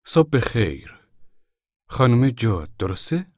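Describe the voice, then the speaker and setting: A man's voice: mid-range voice, very animated, darkish tone, no room sound, clean studio sound, voice pushed up. A man voicing a proud, stout woman who chairs a camp committee, speaking formally and weightily as if her words were rehearsed.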